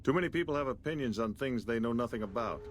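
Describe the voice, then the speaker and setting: A man's voice: mid-range voice, lively intonation, fast, lightly acted. A man playing a pompous, condescending scientist in a video game, speaking formally and talking down to the listener. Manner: pompous, formal, rhetorical diction. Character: pompous, condescending male scientist, director of operations. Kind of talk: video game character dialogue. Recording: noisy game audio with background ambience.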